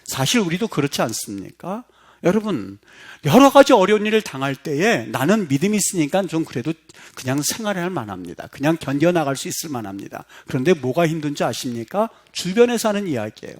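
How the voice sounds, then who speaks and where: A middle-aged male pastor preaching a sermon in a church, impassioned and acting out the voices he quotes, climbing to loud, emphatic peaks. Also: on the high side, sing-song, brisk. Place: church sanctuary.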